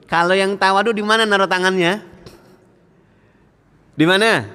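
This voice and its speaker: A man's voice: high voice, a bit bright, clear, resonant tone. A man preaching a mosque sermon, constantly asking the congregation questions and acting out everyday scenes. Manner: engaging, quizzes listeners with frequent questions; acts out everyday scenes and quotes scripture slowly. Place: mosque hall. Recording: reverberant mosque hall.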